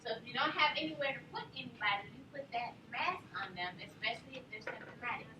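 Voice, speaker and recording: A woman teaching a nursing class, telling lively stories and quizzing her students. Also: on the high side, fast, noisy background. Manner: animated storyteller, quizzes the class. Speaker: nursing instructor. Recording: roomy classroom from far off.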